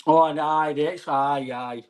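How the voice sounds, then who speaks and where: Scottish co-host, thirties, higher-pitched, easygoing banter with frequent laughs. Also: male voice, fairly even intonation, unhurried. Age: 30s. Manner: easygoing, laughs often between quips. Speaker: podcast co-host. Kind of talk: casual chat.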